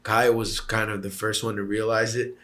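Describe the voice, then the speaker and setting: A man telling a story in casual chat, emphatic and animated, acting out what was said. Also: lowish voice, a little fast. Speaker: hiker recounting a climb.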